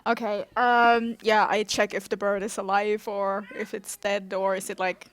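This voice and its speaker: A woman with a mid-pitched voice plays a tabletop game. She chats casually and feels her way through her character's actions, in very dry sound. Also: little pitch movement, normal speed, dry recording, low-quality recording. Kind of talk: casual role-play chat.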